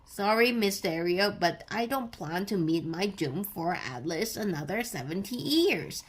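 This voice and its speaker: Storybook hero: woman as young wisecracking male superhero, plucky, exclamatory, unhurried pace. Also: mid-range voice, expressive, slightly rough. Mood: cheeky. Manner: quippy, exclamatory.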